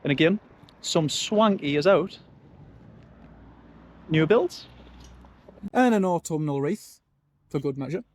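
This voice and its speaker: A man's voice: on the high side, lively intonation, takes it slowly, pauses often. A man with a Sunderland accent giving a casual, chatty walking-tour commentary in colloquial dialect. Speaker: local-history vlogger. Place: outdoors, walking along residential streets. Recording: outdoor street and traffic noise.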